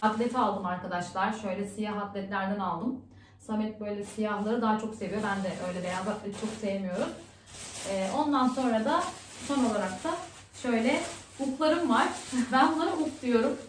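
A woman's voice: medium pitch, brisk, reverberant, slight background noise. A woman vlogger chatting casually at home, talking on in an upset, ranting way. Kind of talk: casual vlog chat.

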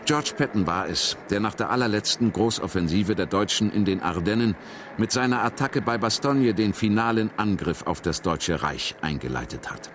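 Deep-voiced male documentary narrator. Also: slight background noise. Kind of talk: scripted historical documentary narration.

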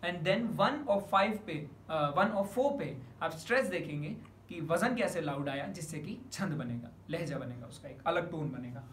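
A man's voice: fairly high pitch, expressive, moderate pace, few pauses, a bit bright. Man counting out rhythm beats, echoey room. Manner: counts beats aloud, stressing the first beat of each division; explains in Hindi mixed with English words. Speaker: music teacher. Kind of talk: step-by-step music lesson. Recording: echoey room with audible noise.

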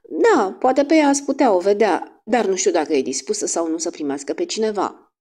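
A woman's voice: mid-range voice, animated, darkish tone, voice pushed up, natural voice. Woman voicing a doubtful young housemaid. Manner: uncertain, hesitant.

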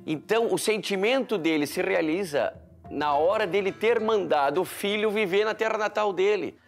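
A man in his fifties from Brazil speaks earnestly about home and family. His voice has a gravelly, fry-laced texture. Soft guitar music plays faintly behind. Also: high-pitched, normal speed. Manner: earnest and heartfelt. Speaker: entrepreneur and law student. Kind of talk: documentary interview. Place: living room at home, indoors.

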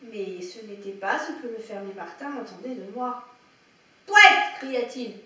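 A woman storyteller reading a children's picture book aloud with lively expression. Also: mid-range voice, moderate pace. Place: indoor room at a public story reading. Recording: echoey room, heard from a distance, faint background ambience.

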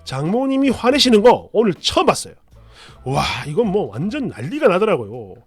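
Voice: mid-range voice, big pitch swings, moderate pace, breathy edge, no echo, faint music behind. A storyteller in scripted narration, telling a family story in a chatty, confiding way.

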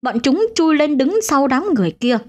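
A woman tells a ghost story in a dramatic storytelling voice. Her pitch sits fairly high for a woman and swings widely as she builds tension. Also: lively intonation, moderate pace.

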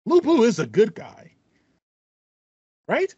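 A man in his thirties co-hosts a casual podcast about video games, enthusiastic and repeating phrases for emphasis. His very high voice swoops wildly in pitch and takes its time, with a darkish tone and a breathy edge. He's on a video call headset in a small foam-paneled room at home, and the recording is dry and lo-fi.

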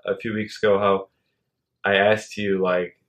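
A man's voice: fairly low pitch, level tone, a little slow, fairly bright tone. A young man hosting a casual interview, speaking with a stutter, with blocks and repeated words. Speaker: host.

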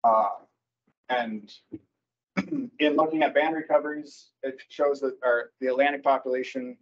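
A man presenting wildlife season recommendations at a public board meeting, speaking haltingly with many fillers and self-corrections over a video call. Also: medium pitch, steady tone, slight background noise. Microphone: computer mic on a video call. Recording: dull lo-fi video call audio.

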